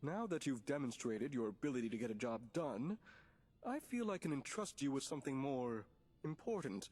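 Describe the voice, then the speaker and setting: A condescending male vault official in a video game. He speaks formally in a husky mid-pitched voice with lively inflection. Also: normal speed. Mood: condescending approval.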